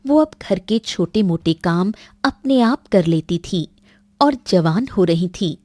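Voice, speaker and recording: A woman reading a scripted story aloud, measured and somber. Her voice is mellow, and she reads slowly. It is a dry studio voice-over. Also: medium pitch, lively intonation, no echo. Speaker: narrator.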